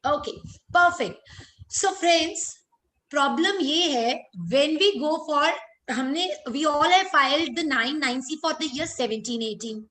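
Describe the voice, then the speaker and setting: A woman's voice: high voice, normal speed, fairly bright tone. A woman with a North Indian accent giving an interactive webinar lecture, addressing listeners directly and mixing some Hindi into her English. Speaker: lecturer, chartered accountant. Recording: roomy echo, clear background noise.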